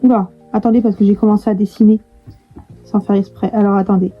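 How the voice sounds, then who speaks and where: A woman's voice: mid-range voice, level tone, fast talker, husky, dull audio, soft background music. A young woman chatting casually to camera in a vlog, full of fillers and restarts. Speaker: vlogger.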